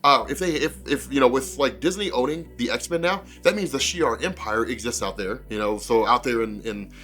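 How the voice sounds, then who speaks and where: With soft music behind him, a cold-congested man talks at a moderate pace in a medium-pitched, fairly bright voice. As host of a comics explainer video, he rambles conversationally through his fan take, circling back to the same phrases and leaning on "like."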